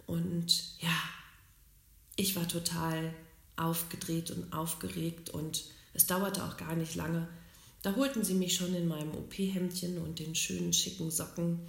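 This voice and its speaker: Woman telling her story, gravelly and low. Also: unhurried. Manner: calm, reflective, earnest. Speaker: speaker telling her own life story. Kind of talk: personal storytelling. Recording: roomy, echoey recording.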